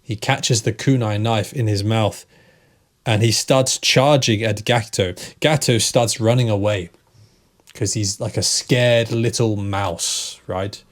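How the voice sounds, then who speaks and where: Male English teacher, low-ish voice, very slow deliberate retelling for learners, repeats phrases, checks in often. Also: steady tone.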